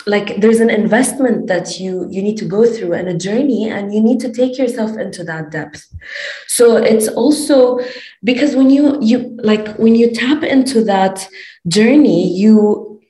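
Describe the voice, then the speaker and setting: A woman's voice: on the high side, a little slow, warm tone, reverberant, low-quality recording. A woman from Lebanon, a life coach, speaking earnestly and passionately in a podcast interview, with many fillers.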